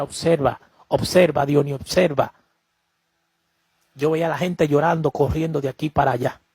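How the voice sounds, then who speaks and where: A man's voice: on the high side, darkish tone, slightly rough, no room sound. A man giving a personal religious testimony to camera, emphatic and repetitive, often addressing the listener as beloved. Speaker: preacher sharing a vision.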